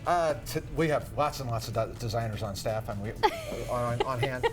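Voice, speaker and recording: A man chats casually as an interview guest from a store. His pitch is mid-range, and he is a little halting, repeating words as he goes. Music is clearly audible behind him. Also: animated.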